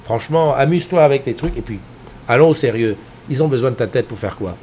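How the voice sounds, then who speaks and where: A middle-aged man talking at mid pitch as he hosts a casual live stream from his home. He rambles with animation, stumbles through restarts and fillers, and calls out to viewers by name. A faint hiss sits under his voice. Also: expressive, fast, darkish tone. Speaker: host of a live morning show. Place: indoors at home, with a TV behind him.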